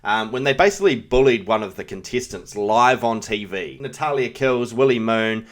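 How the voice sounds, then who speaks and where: A man's voice: mid-range voice, expressive, normal speed. A young man with a New Zealand accent hosting a casual commentary video, laid-back and slangy, laughing between points. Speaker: YouTube host.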